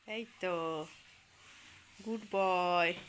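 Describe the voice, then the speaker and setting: A woman's voice: on the low side, drawn-out words, fairly bright tone, slight background noise. A woman filming her small child at home on her phone, coaxing and teasing him in a playful way. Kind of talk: casual home video chat. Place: home, by a bed. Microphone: phone camera held while filming.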